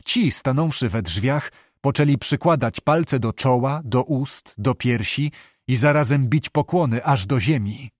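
A man's voice: medium pitch, a little slow, no echo, clean studio sound. Man reading an audiobook. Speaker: audiobook narrator. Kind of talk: scripted narration.

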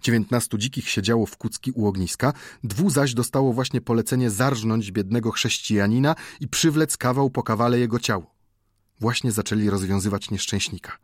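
A man reading an adventure novel aloud as an audiobook narrator, in a measured, dramatic storytelling manner. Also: medium pitch, no room sound, clean studio sound.

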